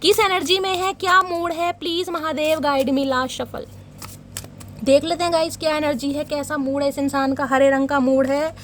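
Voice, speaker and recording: A woman's voice: sits high, little pitch movement, moderate pace, slight background noise. A woman reading tarot cards for her viewers in a teasing, dramatic way. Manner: teasing, dramatic, addresses viewers as guys and darling. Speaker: tarot reader.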